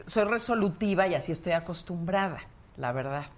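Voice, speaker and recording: A woman from Mexico, a talk-show guest talking in a self-assured, animated way. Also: on the low side, fairly quick. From Mexico (Zacatecas). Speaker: guest, TV host. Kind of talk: casual talk-show chat.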